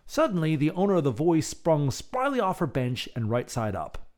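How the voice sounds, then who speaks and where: A man in the role of bedtime storyteller and relaxation guide, speaking in a soothing, measured, expressive way. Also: a little high.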